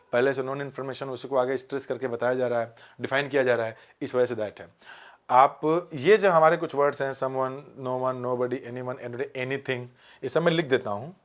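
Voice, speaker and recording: An Indian-accented male teacher explaining grammar rules while he writes. He switches between Hindi and English mid-sentence and keeps checking in with his viewers. His pitch sits in an ordinary middle range. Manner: mixes Hindi with English examples, asks viewers to comment; acts out little scenes with voices for illustration. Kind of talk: classroom lesson at a whiteboard.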